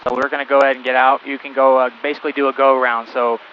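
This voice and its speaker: A male flight instructor on a cockpit headset intercom, calmly talking a student pilot through each step in flight. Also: mid-range voice, rapid-fire, dull audio, a little hiss or hum. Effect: heard over a cockpit headset intercom. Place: small plane cockpit in flight.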